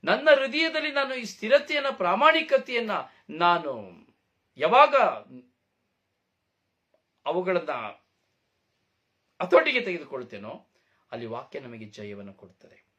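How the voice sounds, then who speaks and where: A man preaching a sermon, emphatic, with repeated phrases and rhetorical questions, dropping to a soft low voice when he asks them. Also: very animated, a little slow, pauses often. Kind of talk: Kannada sermon.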